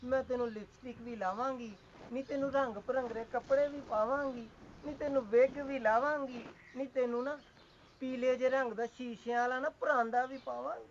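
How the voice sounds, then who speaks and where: A woman's voice: high-pitched, steady tone, brisk. A woman playing a bold young dancer who coaxes and teases. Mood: coaxing. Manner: coaxing, teasing. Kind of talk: comedy sketch acting. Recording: dull lo-fi recording with faint noise.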